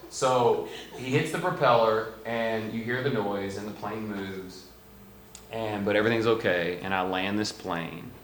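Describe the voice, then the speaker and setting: A male pastor gives a conversational, storytelling sermon in a roomy hall, with a faint hum of ambience behind him. His delivery is casual and full of fillers and restarts. He shifts from loud, emphatic lines to quiet, confiding asides. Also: lowish voice, a little slow.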